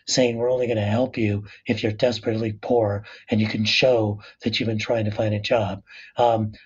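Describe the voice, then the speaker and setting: An American man with a rough smoker's rasp, explaining ideas in a measured, thoughtful interview style. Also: mid-range voice, muffled recording. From Southern California, United States. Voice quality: raspy, rough smoker-like rasp from a speech disorder. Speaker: professor and author, interview guest.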